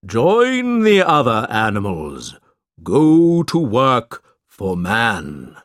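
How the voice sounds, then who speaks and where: A man voicing a solemn, commanding male djinn spirit in a storybook reading, speaking slowly and sternly. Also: mid-range voice, huge pitch swings, no echo, clean studio sound, full character voice. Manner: slow, stern, deliberate.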